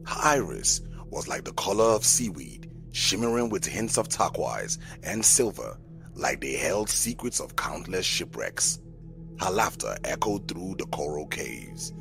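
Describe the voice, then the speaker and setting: A man narrates a scripted story in a dramatic style, his voice very deep and gravelly. He speaks at a measured pace with wide swings in pitch, and music is plainly audible underneath.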